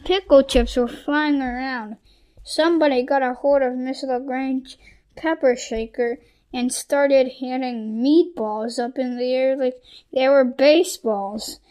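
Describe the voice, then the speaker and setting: High-voiced woman reading a children's book. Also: steady tone, a little slow, mellow, smooth. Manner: reading with frequent restarts and self-corrections. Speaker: audiobook reader. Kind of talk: children's audiobook narration.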